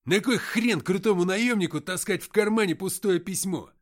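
A man voicing a crude, hot-tempered young male bandit who yells indignantly. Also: high voice, moderate pace, pitched above the performer's own voice, lightly acted. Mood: angry yelling. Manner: yelling, indignant.

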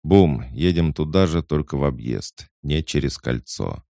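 A man voicing a gruff squad leader barking orders. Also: extremely low pitch, expressive, a little slow, darkish tone, dry recording, studio quality, exaggerated voice. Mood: commanding. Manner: gruff, barks orders, swears. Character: tough male hunter squad leader, curt and commanding.

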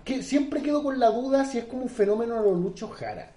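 High-voiced Chilean man, roomy echo. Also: animated, fast, mellow, slight background noise. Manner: hesitant, trails off and restarts, slangy. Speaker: podcast co-host. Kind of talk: casual chat.

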